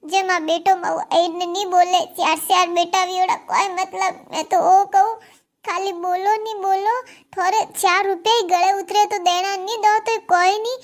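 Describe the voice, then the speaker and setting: Shrill old Marwari granny grumbling, voiced by a woman. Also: fairly even intonation, normal speed. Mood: complaining. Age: older. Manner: complaining, scolding. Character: grumbling old grandmother with four sons. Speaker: cartoon character. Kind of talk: cartoon comedy dialogue.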